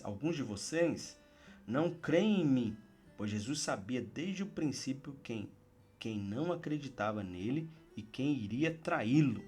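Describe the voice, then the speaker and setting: Earnest Brazilian pastor over soft guitar. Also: male voice, mid-range voice. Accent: Brazilian Portuguese. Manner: earnest, exhorting, drops into soft intimate tones. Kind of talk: Bible reading with devotional commentary. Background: faint guitar music.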